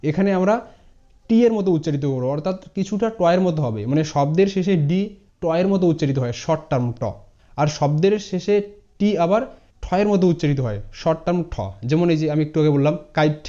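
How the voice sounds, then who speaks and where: A man's voice: fairly high pitch, fast talker, warm tone. A man teaching English pronunciation in a spoken tutorial lesson, spelling words letter by letter and repeating each word. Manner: addresses viewers informally, mixing English words into Bengali. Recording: dull lo-fi sound.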